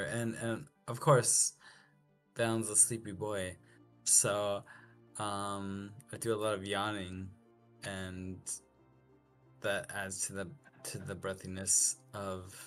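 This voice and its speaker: Hesitant lower-voiced man in casual chat. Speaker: voice actor.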